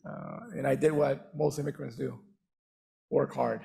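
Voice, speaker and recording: A man's voice: mid-range voice, steady tone, gravelly, mellow. A middle-aged man from Venezuela whose first language is Spanish, speaking earnestly on stage with frequent restarts as a guest speaker. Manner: earnest, halting with repeated restarts. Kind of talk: on-stage conversation.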